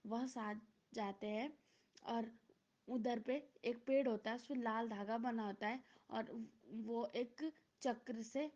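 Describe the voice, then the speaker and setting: A woman's voice: on the high side, fairly even intonation, slow pace, darkish tone. A woman telling a story casually, in an informal and repetitive way with many fillers, on a dull lo-fi recording.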